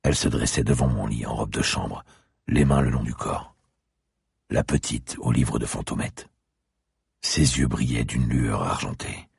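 Man, extremely deep voice, gravelly, husky, brooding first-person audiobook narration, dry close sound. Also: a little mellow, no room sound. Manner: slow, brooding delivery, rises sharply in his spoken lines.

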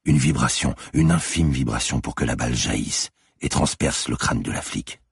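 A man reads a thriller in a tense, measured voice. His tone sits extremely low, full of fry and deeply husky, and the recording is close and completely dry. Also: no room sound. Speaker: audiobook narrator. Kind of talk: scripted thriller narration.

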